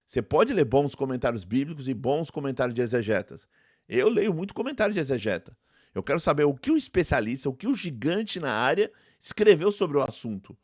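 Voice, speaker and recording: A man's voice: medium pitch, sing-song, brisk, darkish tone, no room sound. Brazilian man, dry reaction commentary. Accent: Brazilian Portuguese. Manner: conversational, repeats points, addresses viewers as "gente". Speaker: theology professor and channel host.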